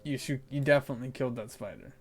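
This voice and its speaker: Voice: medium pitch, very fast, darkish tone, breathy edge. A game master narrating and bantering over a tabletop game in a playful, theatrical way.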